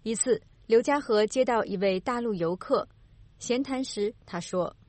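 A woman reading a scripted news report in a measured, formal manner. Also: a little high, a little mellow, no echo.

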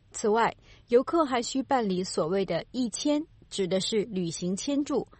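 Female news reporter, formal and measured, with a mid-range voice and a dry studio sound. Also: medium pitch, a little mellow, no room sound. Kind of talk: scripted news narration.

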